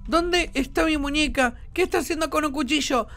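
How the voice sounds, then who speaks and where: A man reading a young girl's lines aloud from a game in a slow, sweet voice. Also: very high-pitched, fairly bright tone, faint music behind, pitched above the performer's own voice. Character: young girl with a new doll.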